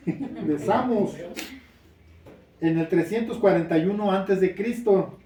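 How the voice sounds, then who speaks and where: Preaching as pastor, a man delivers an earnest sermon that builds to emphatic questions. He speaks slowly in a high-pitched, mellow voice. The roomy sound of the church hall comes through a distant mic.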